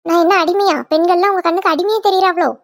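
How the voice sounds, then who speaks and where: A woman's voice: very high voice, steady tone, fast talker. A woman voicing a playful, talkative young village daughter-in-law, in a cartoon. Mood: cheeky. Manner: playful, teasing, cheeky. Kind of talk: cartoon voice acting.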